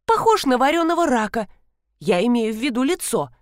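Brief: woman doing a bossy needling wife, higher and brighter, lively pitch, dry recording. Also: brisk, no echo. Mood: needling insistent. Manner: pushy, needling, insistent. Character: bossy teasing wife, middle-aged woman. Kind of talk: audiobook character voice.

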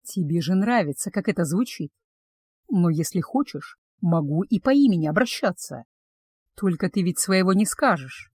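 A woman voicing a cursed young man, a tender unseen suitor who talks softly and slowly in a low voice. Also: lively intonation, breathy edge, no echo. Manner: soft, low and slow-spoken.

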